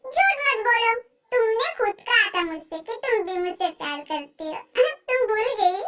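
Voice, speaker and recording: A woman's voice: extremely high pitch, animated, normal speed, bright, forceful tone, full character voice. A woman voicing an arrogant, teasing young male mafia boss in a fan audio drama, speaking in a bossy, mocking way. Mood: smug. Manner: bossy, mocking, laughs at her.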